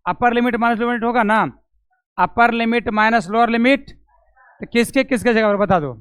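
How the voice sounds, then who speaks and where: With a very high-pitched, smooth, fairly bright voice at a moderate pace, this male physics teacher with a Bihari Hindi accent lectures his class. He quizzes the students, calls on them by name, and says every step out loud again. No room sound is audible.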